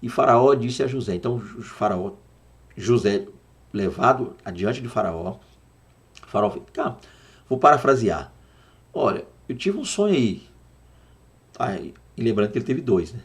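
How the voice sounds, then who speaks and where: A man with a Brazilian accent teaching a Sunday school Bible lesson, animated and full of rhetorical questions, slowing down to spell out words. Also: medium pitch. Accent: Brazilian Portuguese. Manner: dramatizes quotes, slowing down to spell out Hebrew words.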